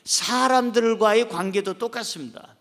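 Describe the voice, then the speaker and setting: A man's voice: sits high, moderate pace, vocal fry, a bit bright. A male pastor preaching a sermon with emphatic delivery, acting out short quoted voices. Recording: long church-hall reverb.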